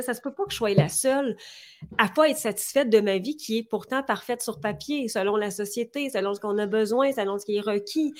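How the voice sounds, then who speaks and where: A woman in her forties with a Quebec French accent, earnestly talking as a guest in an interview and firing off rhetorical questions. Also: a little high. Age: 40s. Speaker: podcast guest. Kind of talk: conversational interview.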